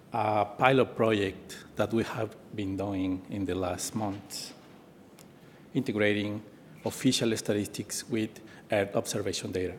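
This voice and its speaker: A man's voice: fairly low pitch, a little mellow, slight background noise. A man with a Mexican accent giving a conference presentation, hesitant with many fillers and restarts. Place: conference room. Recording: hall reverb.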